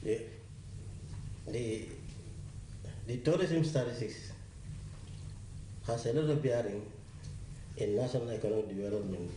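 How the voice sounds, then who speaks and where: A man with a Gambian accent, a council chairman, making a halting statement. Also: medium pitch, dark tone, roomy sound, distant mic, slight background noise, poor audio. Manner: halting, with restarts. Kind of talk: spoken statement to reporters.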